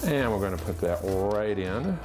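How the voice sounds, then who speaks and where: A man, hosting a casual home cooking demonstration and talking through each step in a relaxed, chatty way. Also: on the low side, moderate pace. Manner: relaxed, chatty, thinks aloud with fillers. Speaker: cooking show host. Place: home kitchen, indoors. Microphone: fixed camera at a distance. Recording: home kitchen with background music. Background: background music.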